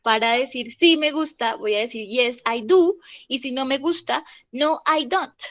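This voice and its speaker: A woman's voice: sits high, measured pace, a bit bright, no echo. A woman teaching an English grammar class in Spanish, explaining patiently and checking in with her students after almost every point. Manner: patient, checks in often with short questions.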